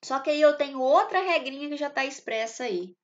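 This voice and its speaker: A woman's voice: high-pitched, expressive, brisk, highs cut off. A woman with a Brazilian Portuguese accent teaching a literature lesson. She explains step by step and often stops to check that the class is following. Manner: explanatory, checks in often with short tag questions.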